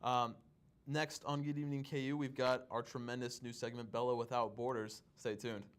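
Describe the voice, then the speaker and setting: A man hosting a casual student talk show, joking and laughing between questions, his voice sitting at an ordinary middle pitch. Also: flat delivery, moderate pace, a little hiss or hum. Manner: jokey, laughs often. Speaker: host. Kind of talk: casual interview chat.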